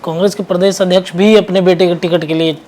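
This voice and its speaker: A man's voice: high voice, steady tone, fast, a little mellow. Man chiming in with short remarks. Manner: short affirming interjections. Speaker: co-host in conversation. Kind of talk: casual political chat.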